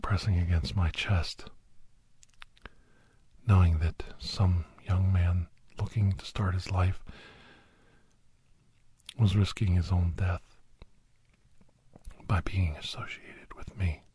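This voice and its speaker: In an ASMR audio story, a man plays a weary, guilt-ridden older doctor and veteran hunter, whispering a slow, halting confession in a breathy, husky voice. It's deep, steady, a little mellow, and heavily acted, with a remorseful, heavy mood.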